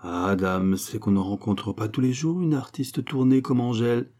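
A man's voice: mid-range voice, fairly even intonation, normal speed, mellow, natural voice. A man reading an audiobook, voicing a doting older mother who boasts about her daughter's talent. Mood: eager. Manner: chatty and proud.

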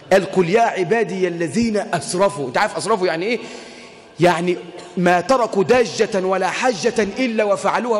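A man's voice: sits high, long reverb tail. A man with an Egyptian accent preaching a sermon. He tells stories in colloquial speech and moves into raised, emotional recitation. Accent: Egyptian Arabic. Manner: emotional, shifts between colloquial storytelling and lofty recitation. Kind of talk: Islamic sermon with storytelling.

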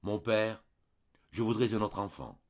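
A man's voice: fairly low pitch, animated, a little slow, vocal fry, dull audio. A man reading a timid, faltering young woman. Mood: hesitant. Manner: hesitant, faltering, soft-spoken.

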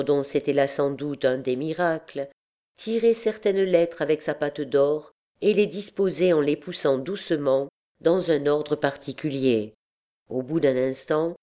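A woman narrating an audiobook in a measured, expressive reading. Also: low-pitched. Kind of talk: scripted narration.

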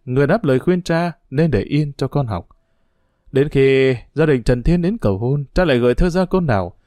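A man voicing a middle-aged father who explains himself in a measured, patient way. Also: mid-range voice, lively intonation, mellow, no echo, studio quality, natural voice.

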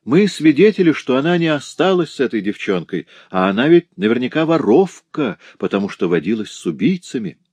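A man's voice: mid-range voice, big pitch swings, brisk, hardly any pauses, darkish tone, husky, no room sound, voice pushed up. A man doing angry, accusing peasants. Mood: hostile. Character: angry village peasants, rough and hostile.

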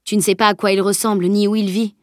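A woman's voice: mid-range voice, flat delivery, quick pace, no echo, studio quality, lightly acted. A woman reading the part of a worried, insistent male warrior in an audiobook.

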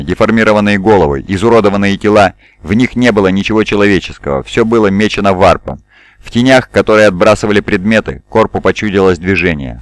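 A man reading an audiobook in a measured, even narration. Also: lowish voice, no echo. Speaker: audiobook reader. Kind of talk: scripted narration.

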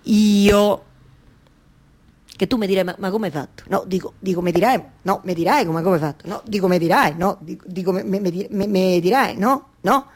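Una donna che interpreta Penelope, moglie malinconica e chiacchierona, in un monologo teatrale con accento romano e ripetizioni insistenti. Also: female voice, medium pitch, normal speed, close to an everyday voice. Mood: wistful, rambling. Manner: colloquial, insistent repetition. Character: Penelope, long-waiting wife, wistful, chatty storyteller of Ulysses' journey. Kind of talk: theatrical monologue storytelling with live music.

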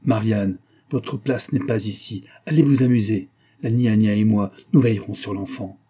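A man's voice: lowish voice, fairly even intonation, moderate pace, warm tone, husky. A man voicing a stern, protective father who speaks firmly and with menace in a storybook reading. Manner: firm, menacing.

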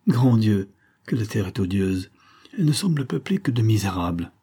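A man voicing a young noble lady who speaks with calm, cold firmness, in an audiobook reading. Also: fairly low pitch, moderate pace, breathy edge. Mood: cold firm.

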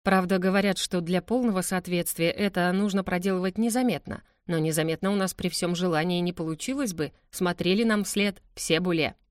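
Expressive woman narrating an audiobook. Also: lowish voice, a little fast, hardly any pauses, dry recording, studio quality. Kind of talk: first-person audiobook narration.

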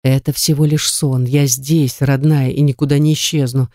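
A reader voicing a tender young husband, speaking softly and soothingly in a deeper voice for an audiobook. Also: male voice, flat delivery, normal speed, no echo, clean studio sound, lightly acted. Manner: soft and soothing.

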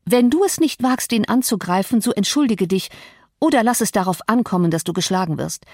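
A proud, volatile young woman, voiced by a woman reader, snaps in a cutting, imperious tone, pitched noticeably higher than a plain reading voice. The audiobook recording is dry and close, with no room sound. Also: expressive, fairly quick, dry recording. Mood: scornful.

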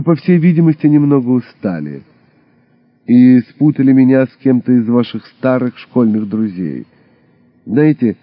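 A man voicing a sly, smooth-talking male undercover agent in a slightly lowered voice, on a dull lo-fi recording. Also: no room sound, lightly acted. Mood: suave. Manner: suave, then hissing and low.

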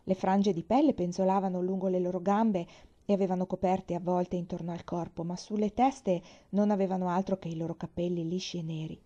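A woman reading a children's novel aloud at a slow, expressive pace. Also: lowish voice, muffled recording. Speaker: reader. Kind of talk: audiobook narration.

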